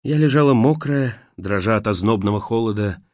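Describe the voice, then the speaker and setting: A male audiobook reader narrates expressively, his pitch rising and falling with lively range. The sound is dry and close, with a dull lo-fi tone. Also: normal speed, dry recording. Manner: expressive reading. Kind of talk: scripted first-person narration.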